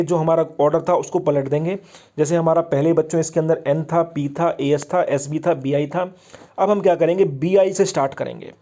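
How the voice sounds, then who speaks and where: Male chemistry teacher, mellow and fairly high voice, quizzes himself as he explains. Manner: explains step by step, asks and answers own questions. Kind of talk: exam-prep lesson.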